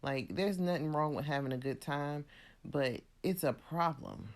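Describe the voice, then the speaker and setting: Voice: medium pitch, unhurried. A chatty recap host retelling a reality TV episode in a casual, opinionated way, full of "like" and "you know". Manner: loose, conversational with frequent "like" and "you know".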